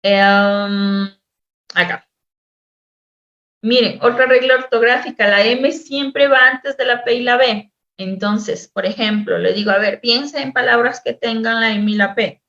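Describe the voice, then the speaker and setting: A woman teacher-therapist giving a lecture on spelling intervention, explaining patiently, repeating words and drawing out sounds slowly as examples. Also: a little high, a bit bright. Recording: echoey room, dull lo-fi sound.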